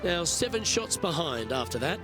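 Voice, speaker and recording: Calm golf play-by-play man, slightly high. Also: loud music behind the voice. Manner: calm, measured play-by-play calls. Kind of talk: prerecorded video game sports commentary.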